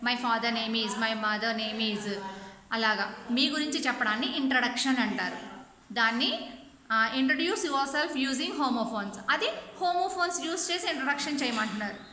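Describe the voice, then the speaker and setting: A woman teacher with a Telugu accent giving an online English lesson to children, speaking slow, careful English and quicker explanations in between, sometimes spelling words out letter by letter. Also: high voice, expressive, echoey room, a crowd in the background.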